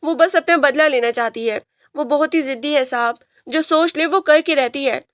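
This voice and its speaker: Storybook read: a woman plays a frightened, pleading young man, high voice, dry close sound. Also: fairly bright tone, no echo. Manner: pleading, fearful.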